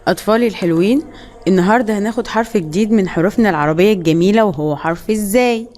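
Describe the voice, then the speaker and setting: An Egyptian woman teaching kindergarten children the letters, drawing out each sound and word slowly. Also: medium pitch, darkish tone. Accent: Egyptian Arabic. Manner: slow, drawn-out sounding of letters and words. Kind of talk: children's phonics lesson.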